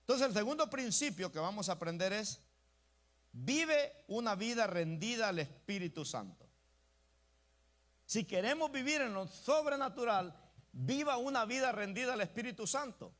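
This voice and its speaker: A man's voice: sits high, big pitch swings, normal speed, fairly bright tone. A male pastor preaching an emphatic sermon, often calling out to the congregation as brothers. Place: church.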